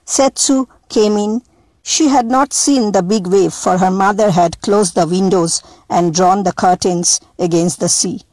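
A woman reads a storybook aloud as a storyteller, slow and deliberate. Her voice sits at a middle pitch. The recording is close and dry. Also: darkish tone, no echo, low-quality recording.

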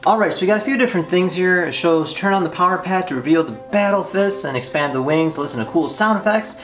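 A man in his twenties with a high, slightly bright voice talks fast as he unboxes and demonstrates a toy, enthusiastic and casual. The recording has a roomy echo, with clear music playing behind him.

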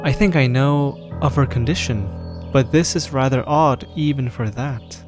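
A man's voice: medium pitch, moderate pace. A young man doing casual let's play commentary, reading game dialogue aloud. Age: young adult. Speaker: gaming streamer. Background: game music.

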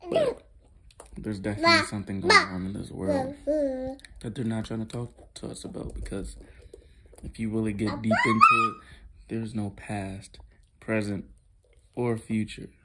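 A young man vlogging at home early in the morning, talking in a hushed, rambling, slangy way about spiritual ideas. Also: huge pitch swings, unhurried, long pauses. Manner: rambling, hushed and low-key, with slangy asides. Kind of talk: casual spiritual monologue to camera. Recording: loud background noise.

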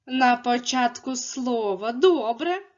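A woman teaching a speech lesson to young children, speaking slowly and enunciating clearly as she coaxes them to repeat after her. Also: fairly high pitch, lively intonation. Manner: slow, clearly enunciated, coaxing. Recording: dull lo-fi recording.

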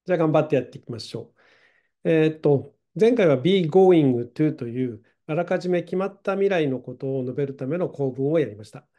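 A man's voice: on the high side, animated, brisk, dark tone. A middle-aged man teaching English grammar online, explaining patiently with many fillers.

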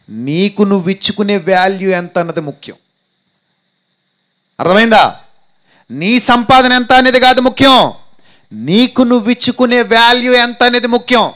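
A man's voice: high-pitched, a bit bright. A man preaching a sermon as pastor, emphatic and repetitive, urging listeners to repeat phrases aloud.

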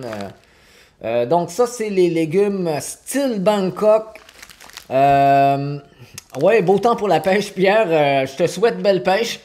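A man's voice: high-pitched, a little mellow, a little hiss or hum. A man in his forties from Quebec with a Québécois accent, chatting casually through a live cooking stream in his home kitchen, with many fillers, and answering viewers by name. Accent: Québécois French. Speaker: cooking livestreamer. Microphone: fixed camera on counter.

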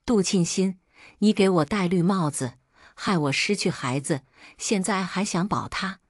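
A woman doing a furious young husband in an audiobook drama, hurling insults in a low-set voice. He is jealous and violent, always on the attack, recorded dry and close. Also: a little slow, no echo. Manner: shouting insults.

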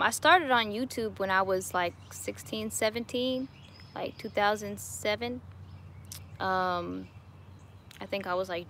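A cheerful young woman chats loosely with her live viewers from her garden, laughing easily. Her voice sits at an ordinary middle pitch, picked up by a phone held at arm's length outdoors, with a faint hum of open air behind her. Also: fairly bright tone. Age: 20s. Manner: upbeat, chatty, laughs often. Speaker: YouTuber answering live chat. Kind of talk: casual livestream chat. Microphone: webcam or phone at arm's length.

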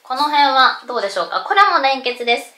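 A woman's voice: sits high, lively intonation, quick pace, bright, forceful tone, reverberant, slight background noise. A woman teaching English pronunciation in a casual lesson at a blackboard, explaining with spoken examples.

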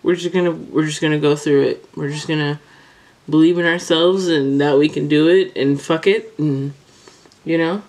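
A young woman with a slightly low voice, audibly drunk and giggly. She chats through a makeup tutorial in a rambling, unfiltered way, swearing freely as she goes. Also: fairly even intonation, moderate pace, darkish tone. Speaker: makeup vlogger. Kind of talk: casual chatty makeup tutorial. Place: small indoor room in front of a fabric backdrop.

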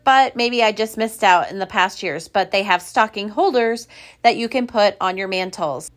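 A woman's voice: mid-range voice, a bit bright. A middle-aged woman giving upbeat, instructional voice-over narration for her craft channel, walking through store finds and projects step by step.

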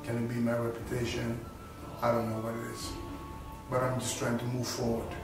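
A gravelly, mid-range male voice, completely flat and at normal speed, belongs to a boxer-rapper from Senegal giving a casual introduction of himself to the camera. He rambles, restarting and repeating phrases, while indoors before a studio backdrop. Music plays behind him, and the mic is far away in a very echoey room.

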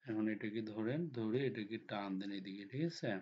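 Hoarse man teaching design software. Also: on the low side, steady tone, a little fast. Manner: step-by-step instructions with frequent checks like "ঠিক আছে?". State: hoarse from a cold. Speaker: computer design instructor. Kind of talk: screen-recorded software tutorial. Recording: dull lo-fi recording with faint noise.

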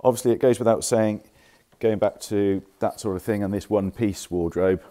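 This man's voice is fairly low and dark, with a steady tone and moderate pace. He's a furniture dealer casually showing pieces around a warehouse, talking in a chatty, informal way and now and then correcting himself. The footage comes from a handheld phone camera.

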